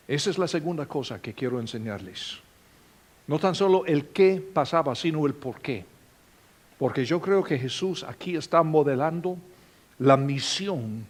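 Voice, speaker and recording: A man preaching a sermon as a pastor, with expressive delivery and dramatic swings in volume. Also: fairly high pitch.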